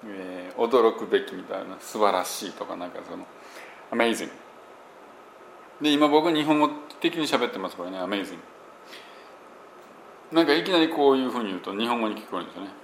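A man's voice: lowish voice, lively intonation, fast, vocal fry, hardly any pauses. A man with a Kansai Japanese accent, teaching English pronunciation in a casual spoken explanation and working through examples with many fillers. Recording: echoey room with faint background noise.

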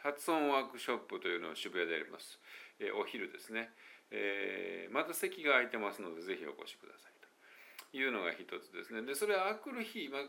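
A man's voice: medium pitch, vocal fry, sharp tone. A man speaking, a pronunciation coach chatting casually, correcting himself and laughing at his own slips, dropping English phrases in as he goes. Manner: mixes English phrases into Japanese talk. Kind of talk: casual monologue video.

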